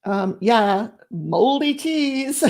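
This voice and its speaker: A woman's voice: on the high side, animated, extremely slow, vocal fry, a little mellow. Chatty woman hosting a live stream. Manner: chatty, laughs often, greets viewers by name. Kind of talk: casual live chat reading comments.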